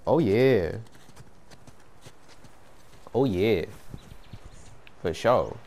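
A man giving casual commentary over a video game, cursing and reacting excitedly, talking into a headset. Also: on the low side, extremely slow. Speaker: gamer.

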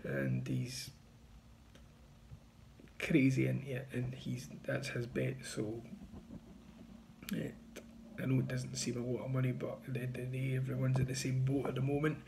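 A man's voice: medium pitch, normal speed, creaky, long pauses, background noise. A man in his thirties giving casual, confident betting tips to camera from a small room, recorded on a phone. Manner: confident, chatty, pushing bets. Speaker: betting tipster. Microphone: phone front camera at arm's length.

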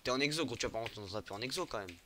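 A man's voice: medium pitch, animated, very fast. A young man chatting casually while gaming, swearing and griping in slang like a raging gamer. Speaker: gamer recording online PvP gameplay. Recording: clearly noisy, keyboard and mouse clicks.

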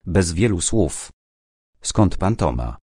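Retired detective, older man, deep and unhurried, dry irony, as an audiobook reader puts him on. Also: sing-song, vocal fry, a little mellow, husky, no room sound, full character voice. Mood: stern. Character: calm ironic retired older British detective.

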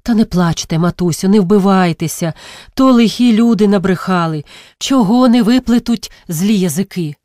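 A woman voicing a gentle young village man. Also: medium pitch, a little slow, no room sound, studio quality, close to an everyday voice. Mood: tender. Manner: tender and pleading, flaring into curses.

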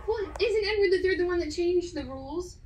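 A woman's voice: very high voice, lively intonation, fairly quick, darkish tone. A woman in her thirties presenting as an upbeat cruise TV co-host, chatty and bantering casually. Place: filmed off a television screen in a room. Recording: distant TV playback with background noise.

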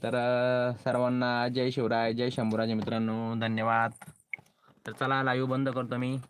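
A man's voice: medium pitch, flat delivery, moderate pace, a little hiss or hum. A man hosting a casual live stream from inside a car, thanking viewers over and over in a friendly, repetitive way.

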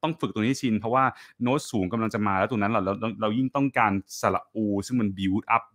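A man's voice: lowish voice, fast, fairly bright tone. A man teaching a classical singing masterclass online. He talks in a friendly, encouraging way, sings short phrases to demonstrate, and drops English and Italian musical terms into his speech.

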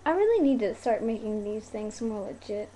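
A high-leaning, dark-toned voice comes through animated at a moderate pace. The speaker, a young video blogger, chats to her webcam in a small bedroom, rambling playfully and wandering off topic. Her close webcam mic produces noisy, budget-quality audio.

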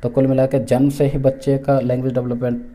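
Indian guy teaching an exam prep lesson, very dark mellow tone, pretty flat, keeps repeating himself. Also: medium pitch. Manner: repeats each point with Hindi and English terms; many fillers and restarts, measured explaining. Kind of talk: recorded exam-prep lecture.

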